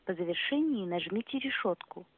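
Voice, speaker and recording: A woman's recorded answering machine message, giving formal, measured instructions as an automated phone prompt. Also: fairly low pitch, animated, husky, dry recording. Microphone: heard through a telephone receiver. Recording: tinny phone line.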